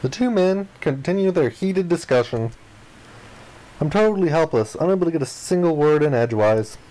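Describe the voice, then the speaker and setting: As the host of a playthrough, a man reads a visual novel's narration and dialogue aloud, expressively acting out the protagonist's lines. His voice is fairly high at a moderate pace, captured on a low-quality recording.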